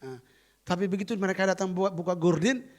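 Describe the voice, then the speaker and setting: Emphatic high-voiced male pastor preaching. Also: a little fast. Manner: emphatic, repeats key phrases with rising stress; acts out quoted voices in lively retelling. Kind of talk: sermon with testimony storytelling.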